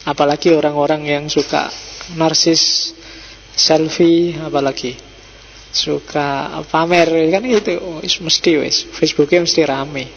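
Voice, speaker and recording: A middle-aged man with a Javanese accent giving a relaxed, teasing philosophy lecture to a study circle in a mosque, slipping into Javanese asides. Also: on the high side, measured pace, vocal fry. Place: mosque hall. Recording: dull echoey hall recording with faint hum.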